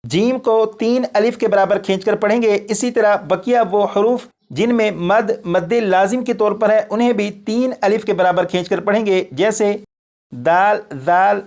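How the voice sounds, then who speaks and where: In a slow lesson on the letters, a Quran recitation teacher explains each one patiently, stretching out the sounds in chanted drills so his student can echo them. His voice is high-pitched and darkish in tone. He goes over every point again and leaves pauses for the student.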